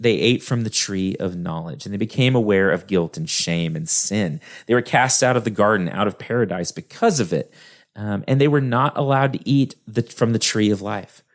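A man with a West Texas drawl giving an informal talk in a halting, conversational way. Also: lowish voice. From West Texas, United States. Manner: halting, conversational, self-deprecating asides. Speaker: lecturer.

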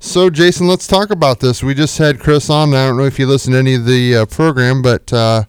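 A man co-hosting a radio show in a friendly, relaxed way. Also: mid-range voice, fairly quick, clear, resonant tone, no room sound. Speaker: radio co-host. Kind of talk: casual radio talk.

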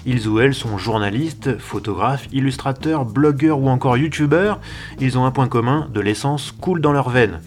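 Hosting a podcast interview, this forties-aged car journalist speaks with enthusiasm at a normal speed, frequently stumbling, stammering and starting over. His voice sits at a medium pitch.

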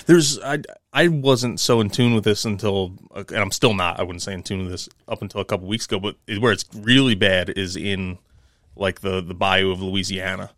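A man's voice: low voice, fairly even intonation, fairly quick, a bit bright, no echo. A man chatting casually as a podcast co-host. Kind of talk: casual chat.

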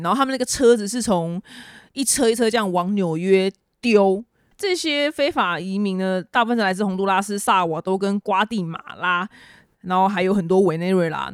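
A woman's voice: mid-range voice, dry recording, studio quality. A woman hosting a casual news podcast, chatty and exasperated, ranting with sarcastic asides. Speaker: podcast host.

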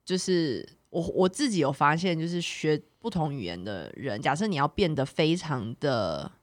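Female co-host, mid-pitched, highly animated delivery, conversational with English code-switching, dry recording. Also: normal speed, dry recording. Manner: animated, repeats words, mixes in English. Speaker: podcast co-host. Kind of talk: casual chat.

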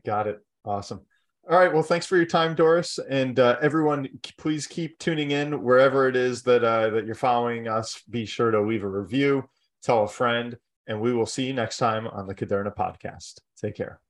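A man's voice: mid-range voice, normal speed. A man hosting a podcast, chatting casually with a guest in an interview. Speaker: podcast host.

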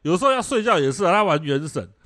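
A middle-aged man with a Taiwanese Mandarin accent, hosting a casual chat show, telling stories in a blunt, profane and animated way. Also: sits high, fast, no echo, clean studio sound. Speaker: podcast host.

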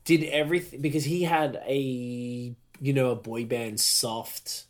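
A man's voice: mid-range voice, fairly even intonation, measured pace. A man hosting a podcast in casual chat, rambling and slangy, often hunting for words. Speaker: podcast host.

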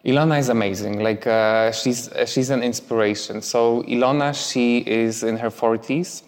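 A man's voice: medium pitch, fairly even intonation, moderate pace, in a large hall. A young man from Poland, talking casually as a guest in a live stage interview, with many fillers. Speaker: interviewee, writer.

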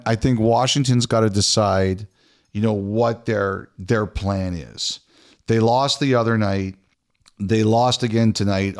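A man co-hosting a hockey podcast in casual chat, often repeating words and restarting sentences. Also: lowish voice.

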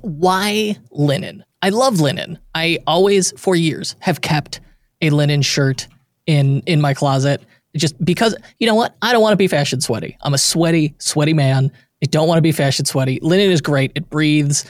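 A man's voice: a little high, normal speed, no echo, studio quality. A man hosting a podcast interview in a casual, chatty, self-deprecating way. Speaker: podcast host.

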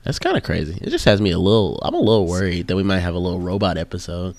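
A man's voice: low voice, very animated, rapid-fire, darkish tone, no echo. A man co-hosting a casual podcast, laid-back and rambling, with lots of fillers. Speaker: podcast co-host. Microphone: home mic through voice chat.

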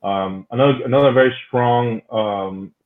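Over a tinny, phone-quality line, a Spanish-native man talks freely and easily as a podcast interview guest. He has a mid-range voice and speaks at a normal speed.

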